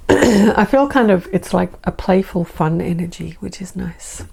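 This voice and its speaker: Australian woman, oracle card reader, casual rambling chat, very gravelly voice, mellow tone. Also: fairly low pitch, takes it slowly. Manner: chatty and rambling, with self-deprecating asides. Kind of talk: casual spoken intro to a card reading.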